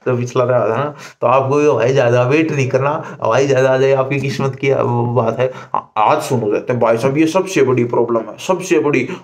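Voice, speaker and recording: A man's voice: medium pitch, brisk, hardly any pauses. A young man talks casually and repetitively from a room, giving advice like a vlogger to his viewers. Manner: chatty, repetitive, conversational advice. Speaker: exam candidate vlogger. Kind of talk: casual talk to camera. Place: indoor room.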